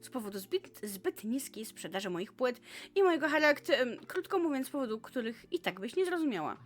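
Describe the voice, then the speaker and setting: A woman's voice: a little high, sing-song, a little fast, slight background noise. A woman reading the lines of a vain, scheming teenage pop singer from a visual novel, in a haughty, scornful tone.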